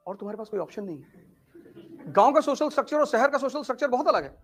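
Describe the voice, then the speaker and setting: High-voiced man telling jokey stories. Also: very fast, faint music behind. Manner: animated, joking, swings between loud and hushed. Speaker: motivational speaker. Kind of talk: humorous storytelling talk.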